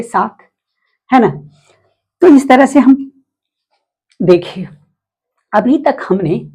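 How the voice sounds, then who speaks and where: A woman's voice: fairly high pitch, dark tone, husky. A woman teaching English syllables in a video lesson with a Hindi accent, repeating key terms and asking rhetorical questions.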